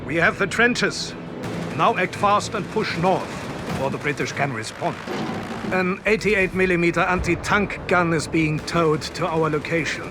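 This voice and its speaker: A male actor performs a commanding German general in video game briefings and cutscenes, a confident, calculating desert strategist issuing formal, clipped orders with authority. His voice is natural, a little high and somewhat slow, brisk and satisfied in mood, with background noise present.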